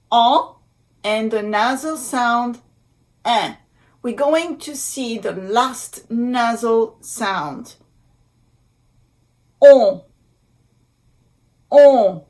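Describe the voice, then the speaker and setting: Slow-paced woman teaching pronunciation. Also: a little high, expressive. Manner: deliberate, repeats example words. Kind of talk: instructional language lesson, demonstrating sounds and words.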